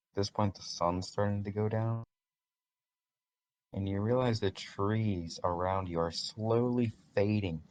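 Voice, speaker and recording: A man narrating as game master of a tabletop game, laid-back and halting, often restarting his sentences. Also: low voice, darkish tone. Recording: dull lo-fi mic with faint hiss.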